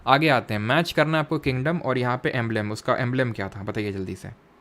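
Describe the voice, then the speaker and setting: A man's voice: mid-range voice, a little fast, fairly bright tone. Indian man teaching an exam-prep lesson. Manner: asks questions and answers them himself; mixes English terms into speech. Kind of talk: classroom lecture with quiz questions.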